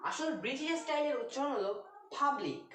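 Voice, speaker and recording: A woman teaching English pronunciation at a board, speaking slowly and patiently as she writes. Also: fairly high pitch, very animated. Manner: patient, drawn-out, writing as she talks. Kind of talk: explanatory lesson at a board. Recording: roomy, distant, faint noise.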